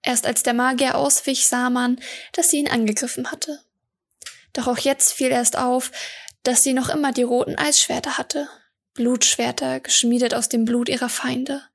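A woman narrating her own fantasy audiobook in a calm, even storytelling manner. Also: high-pitched, moderate pace, vocal fry.

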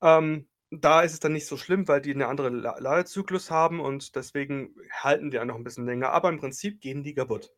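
A man's voice: fairly high pitch, fairly quick, hardly any pauses. A man in his late thirties from Germany, co-hosting a casual podcast chat and talking with many fillers and restarts. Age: late 30s. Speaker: podcast co-host.

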